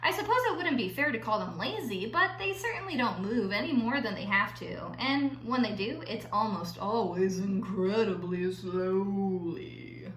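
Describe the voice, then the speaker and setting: A woman reads aloud to children like a playful teacher, her bright, forceful voice pitched fairly high and swinging widely as she stretches words for emphasis and drops in chatty asides. She's expressive, reads at normal speed, and barely pauses. The very echoey room adds faint background noise.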